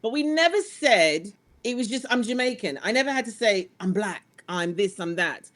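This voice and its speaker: A middle-aged woman with a London accent speaks frankly in a conversational interview. She tells her story earnestly and with animation, circling back and restarting her sentences as she goes. Her voice sits at an ordinary pitch for a woman. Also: expressive, normal speed, fairly bright tone. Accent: London English. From England. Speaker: guest.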